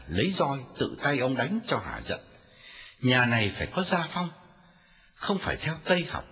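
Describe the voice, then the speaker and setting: A man narrating a story with a very expressive, varied delivery. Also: mid-range voice. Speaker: audiobook narrator. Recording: dull lo-fi audio with faint music.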